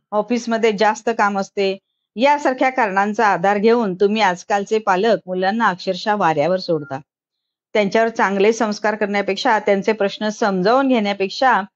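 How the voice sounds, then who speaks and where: A woman's voice: mid-range voice, lightly acted. A stern police inspector in a storybook reading, reproachful and lecturing, as a woman reader puts him on. The recording is slightly dull and muffled.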